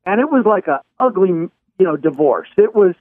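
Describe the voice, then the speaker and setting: A man hosting a radio show, telling stories in a relaxed, casual way. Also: high-pitched, moderate pace, no room sound. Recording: phone-like radio sound.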